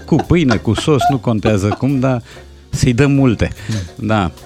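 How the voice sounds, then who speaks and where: A man's voice: mid-range voice, music in the background. A man commenting wryly on speech errors in casual studio chat. He laughs often and explains points of grammar. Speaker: language commentator.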